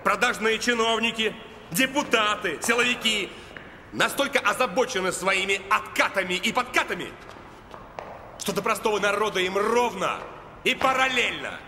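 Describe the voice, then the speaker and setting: A man's voice: sits high, normal speed, lightly acted. An actor in his thirties playing a hard, menacing male gang leader haranguing his men in a film drama. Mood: angry, haranguing. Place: large indoor sports hall. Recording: reverberant hall, faint background noise.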